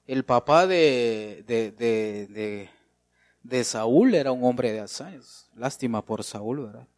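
A man's voice: mid-range voice, animated, slow pace, darkish tone, no room sound, studio quality. A man preaching a sermon, emphatic, repeating his phrases and calling out to the congregation.

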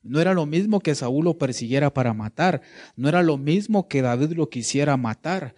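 A man's voice: on the high side, lively intonation, moderate pace, a little mellow. A male preacher giving a sermon, asking his listeners questions and often adding "right?", sometimes searching for words mid-sentence. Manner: asks the congregation rhetorical questions, repeats "¿verdad?".

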